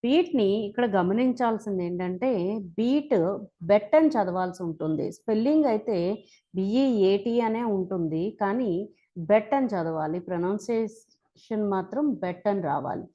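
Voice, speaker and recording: A woman with a Telugu accent teaching English verb forms, reciting each form one by one slowly and deliberately. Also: mid-range voice, animated, warm tone, lo-fi sound. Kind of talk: slow spoken-English lesson.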